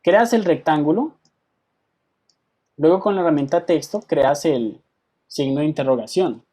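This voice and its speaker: A man leads an online design class, walking through each step with unhurried patience. His voice is mellow and warm. He keeps asking his students over the call whether they are following. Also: fairly high pitch, lively intonation. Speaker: teacher.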